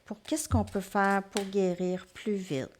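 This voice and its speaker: A woman gives a tarot reading to her viewers, gently reassuring them and often checking in with them. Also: mid-range voice, fairly even intonation, takes it slowly, a little hiss or hum. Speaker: tarot reader.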